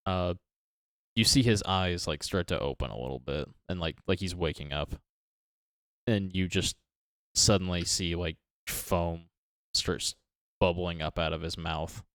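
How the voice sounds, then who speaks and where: A man's voice: low voice, measured pace, a bit bright, smooth, no echo, studio quality. A man narrating a tabletop game as dungeon master, describing scenes loosely with lots of fillers.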